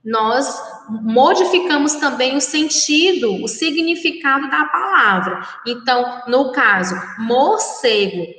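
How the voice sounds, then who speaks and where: A Brazilian woman teaching young children in a recorded remote lesson, speaking slowly and patiently with a sing-song delivery. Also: high voice, expressive, a bit bright, roomy sound, long reverb tail, rough recording. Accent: Brazilian Portuguese. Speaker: primary school teacher.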